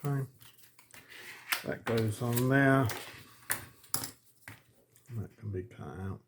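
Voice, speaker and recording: A man of ordinary pitch talks viewers through a paper craft project in a relaxed, chatty way, often thinking aloud as he glues and folds. He speaks slowly and unhurriedly. A faint noise sits under his voice. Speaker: crafting channel host. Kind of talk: casual crafting tutorial.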